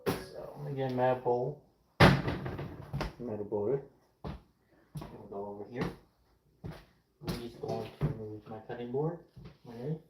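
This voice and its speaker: A young man whose first language is Ukrainian/Russian streams himself cooking in his home kitchen, chatting casually and rambling between tasks while answering chat. His voice is mid-range, a little slow, with long pauses. The kitchen sounds echoey, with faint background noise.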